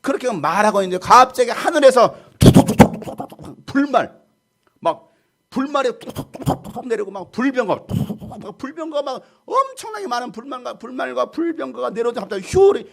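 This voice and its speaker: Animated male pastor, gravelly and high. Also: brisk. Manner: animated, acts out scenes with sound effects and quoted voices. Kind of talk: lively storytelling sermon.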